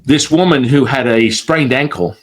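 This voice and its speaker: A guest on the show tells a story in casual talk, animated and quick to act out quotes while swearing frequently. His voice is at medium pitch.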